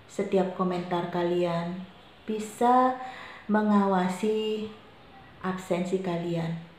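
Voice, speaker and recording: A woman's voice: mid-range voice, a little mellow. A woman homeroom teacher giving her students a firm briefing, repeating her reminders. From Indonesia. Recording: very echoey room with faint noise.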